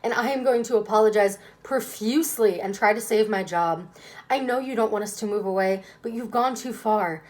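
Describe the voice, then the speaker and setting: A furious, disappointed dad played by a woman reader gives a firm, emphatic scolding. The delivery is measured and stern, as in a children's storybook read aloud. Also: medium pitch, darkish tone, lightly acted. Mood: angry, ashamed. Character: stern, furious, ashamed father scolding his daughter.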